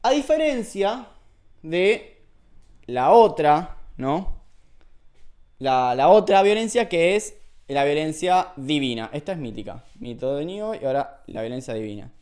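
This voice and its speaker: A man's voice: on the high side, big pitch swings, a little slow, a little mellow, smooth. A man with a Rioplatense Spanish accent, explaining philosophy in a loose, chatty lecture full of fillers and self-corrections. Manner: paraphrases texts in colloquial dialogue. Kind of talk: casual lecture video.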